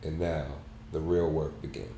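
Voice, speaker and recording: A man hosting a book club, reading a book aloud in a soft, halting, measured way. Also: a bass voice, little pitch movement. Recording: roomy echo, faint background hum.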